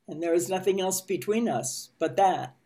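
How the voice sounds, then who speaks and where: A woman leading a spiritual study group, gently reading and teaching with pauses and soft fillers. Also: lowish voice. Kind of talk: slow meditative reading and teaching.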